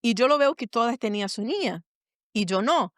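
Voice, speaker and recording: A middle-aged woman tells a personal story in an earnest, searching way, going back over her own phrases. Her voice sits a little high, and the sound is close and dry with no room around it. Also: expressive, moderate pace, dry recording. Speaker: guest, pastor and mother. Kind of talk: personal storytelling in a podcast conversation.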